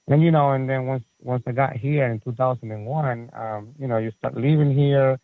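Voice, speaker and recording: Heard over a tinny phone-like line with no echo, a soccer coach and facility owner from Chile, in his forties, rambles as a casual interview guest with many fillers and restarts. He speaks with a Chilean Spanish accent at normal speed, in a medium-pitched voice with fairly even intonation.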